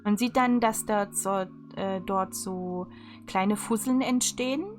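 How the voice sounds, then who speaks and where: A woman's voice: medium pitch, takes it slowly. Woman casually narrating over music. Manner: chatty, unscripted narration. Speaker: video creator. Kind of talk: casual craft tutorial voice-over. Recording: music behind the voice. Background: instrumental music.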